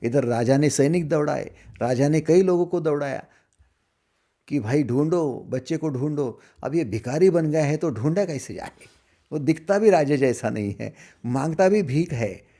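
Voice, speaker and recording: A middle-aged man giving a spiritual discourse as a teacher, asking rhetorical questions and swinging between loud emphasis and hushed asides. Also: a little high, lively intonation, moderate pace.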